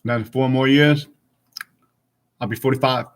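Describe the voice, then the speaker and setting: A man's voice: mid-range voice, fairly even intonation, measured pace. A man of forty chatting casually and frankly with his stream viewers, rambling from thought to thought. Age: 40s.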